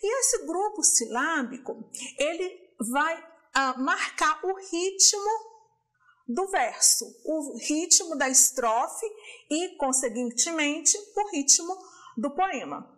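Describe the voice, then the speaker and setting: A woman's voice: high-pitched, animated, fairly bright tone. A woman with a Brazilian Portuguese accent giving a distance-learning lesson on poetic meter, explaining step by step. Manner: slow, deliberate, explains step by step. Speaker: teacher.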